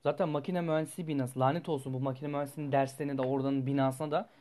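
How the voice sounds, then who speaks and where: A young man, a student, telling a personal story in a rambling, animated way and swearing freely. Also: medium pitch, very fast. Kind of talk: casual storytelling vlog.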